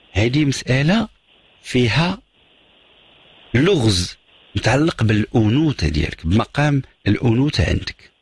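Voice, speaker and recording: Hosting a call-in radio advice show, a middle-aged Moroccan-accented radio psychologist lectures with emphatic repetition and sprinkles in French phrases. His voice is husky and medium in pitch.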